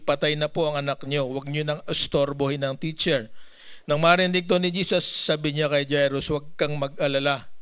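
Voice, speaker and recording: Male Filipino-accented pastor, joking preaching style, clear resonant voice. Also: fairly high pitch, a bit bright. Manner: jokey, asks the congregation questions, mixes English into his talk. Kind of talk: sermon.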